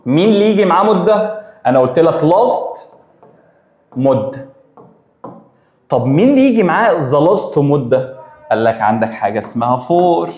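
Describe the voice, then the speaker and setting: Lively Egyptian man teaching English grammar. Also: medium pitch, echoey room. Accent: Egyptian Arabic. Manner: lively, drills rules by repetition, mixing Arabic and English. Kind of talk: exam revision lesson.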